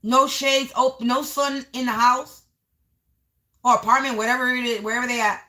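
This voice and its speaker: A woman's voice: a little high, steady tone, moderate pace, sharp tone. A woman giving a live psychic reading, narrating visions as they come to her, repeating phrases and stretching out key words for emphasis. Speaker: psychic reader.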